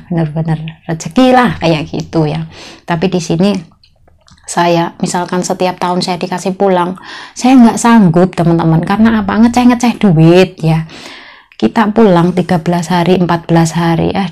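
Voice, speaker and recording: A woman in her thirties with a Javanese accent, a migrant domestic worker telling her own story to viewers in a chatty, expressive way with frequent exclamations. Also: fairly low pitch. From Indonesia. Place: employer's home, indoors.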